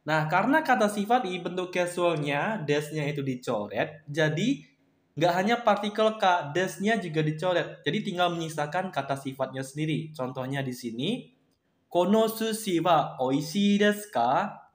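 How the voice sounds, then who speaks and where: A man teaching Japanese in a casual video lesson, friendly and patient, slowing down carefully whenever he models example sentences. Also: a little high, animated, roomy sound.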